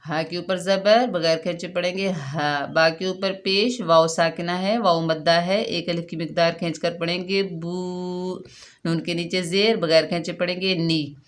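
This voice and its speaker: Woman teaching quran reading, slightly low voice, patient, repeats every rule, stretches the syllables out slow when she demonstrates. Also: fairly even intonation. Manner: slow, drawn-out syllables when modelling recitation. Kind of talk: step-by-step recitation lesson.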